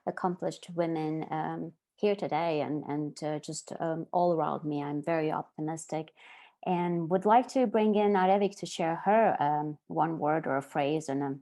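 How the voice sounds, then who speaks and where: A woman moderating a panel discussion, polite and a little halting as she hands over to speakers. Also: low voice, dark tone. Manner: polite, with fillers.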